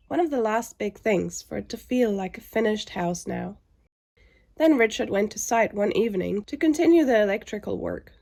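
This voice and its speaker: A woman's voice: medium pitch, gravelly, darkish tone. A woman sounding under the weather and weary, narrating a scripted vlog with frustration.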